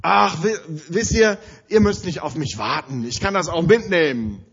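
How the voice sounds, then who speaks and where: A man's voice: fairly high pitch, lively intonation, moderate pace, fairly bright tone, husky, in a large hall, muffled recording, exaggerated voice. A man quoting a sheepish young man who mumbles that the others need not wait.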